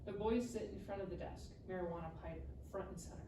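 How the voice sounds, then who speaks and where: At a live table read, a woman reads the screenplay's stage directions aloud, speaking fast in a mid-range voice. The room is echoey, the mic is distant, and noise is clearly audible.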